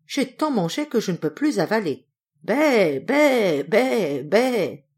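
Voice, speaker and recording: A woman's voice: mid-range voice, big pitch swings, a little fast, a little mellow, husky, voice pushed up. Woman doing a lying nanny goat, whiny bleats, storybook.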